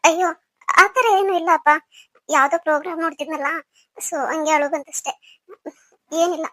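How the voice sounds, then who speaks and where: A woman's voice: high-pitched, steady tone, a little fast, bright, forceful tone, dry recording. A woman playing a hurt young wife who speaks in a pleading, emotional way. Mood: subdued.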